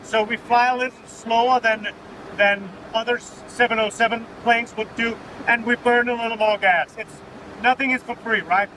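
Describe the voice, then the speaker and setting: High-voiced Danish-accented man over engine drone. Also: fairly even intonation, normal speed. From Denmark. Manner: matter-of-fact, often adding "right?" as a tag. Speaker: military pilot being interviewed. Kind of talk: informal technical explanation in an interview. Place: inside an aircraft cockpit in flight. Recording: loud vehicle drone behind the voice. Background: aircraft engine and air noise.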